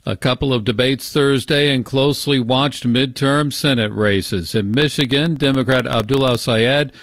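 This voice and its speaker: A man's voice: mid-range voice, moderate pace, fairly bright tone, dry recording. An American man reading a scripted radio newscast as the anchor, close on a studio microphone. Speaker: news anchor. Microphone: close studio microphone, dry.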